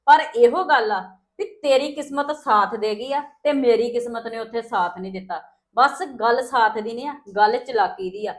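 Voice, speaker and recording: A woman acting a wronged woman of the house in a family skit, speaking gravely, with warnings. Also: high-pitched, lightly acted. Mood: resentful. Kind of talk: scripted family drama.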